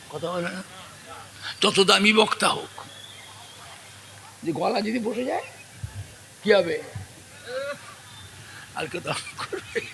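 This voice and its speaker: High, gravelly preacher. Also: male voice, slight background noise. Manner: acts out dialogue in his story, shouts to the crowd. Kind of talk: Bengali waz sermon.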